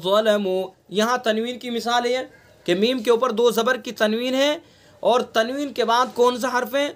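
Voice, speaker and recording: A man with a Delhi Urdu accent teaching Quran recitation rules in an online class, patiently explaining and repeating examples with drawn-out nasal sounds. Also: very high voice, fairly even intonation, fairly bright tone. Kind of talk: online tajweed lesson. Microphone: online class recording.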